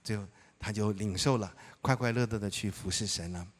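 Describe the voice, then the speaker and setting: A middle-aged male pastor preaching a sermon, telling personal stories in a lively way, acting out dialogue and often laughing. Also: on the low side, brisk.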